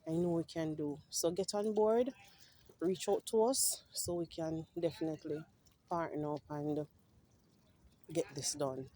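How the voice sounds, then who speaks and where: A woman's voice: deep voice, unhurried, mellow, a little hiss or hum. Passionate woman giving a greenhouse tour. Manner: passionate, often adds "right?"; clears her throat now and then. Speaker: farm project representative. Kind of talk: walking greenhouse tour talk. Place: inside a greenhouse.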